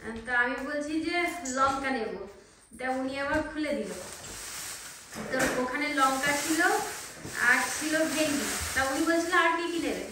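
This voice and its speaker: A woman's voice: sits high, moderate pace, pauses often, far from the mic, background noise. A woman from India chatting casually to her viewers in a home vlog, with frequent hesitant fillers as she talks, recorded on a phone at home. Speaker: homemaker vlogger. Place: family home indoors. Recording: echoey room, voice set back from the mic.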